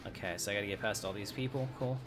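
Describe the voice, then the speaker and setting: A game streamer and channel host rambles casually at a racing pace, chatting with his viewers as he plays. His voice is fairly low, and loud game music and effects play behind him.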